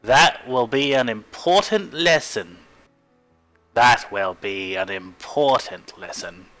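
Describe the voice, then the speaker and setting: A man playing a calm, matter-of-fact character in a broad Australian accent, drawling slowly. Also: mid-range voice, soft background music. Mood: unbothered.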